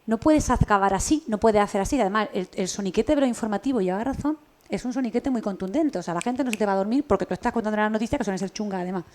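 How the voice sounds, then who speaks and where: A woman from Almería, a podcast co-creator and radio journalist, telling stories in a lively way in a casual radio interview. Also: mid-range voice, racing, slight background noise. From Almería, Spain. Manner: lively, animated storytelling.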